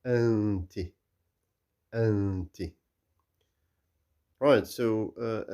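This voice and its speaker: A low-pitched man with a very dark, mellow tone teaches Arabic reading. He speaks slowly and patiently and repeats each word several times so learners can follow. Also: creaky. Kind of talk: recorded reading lesson.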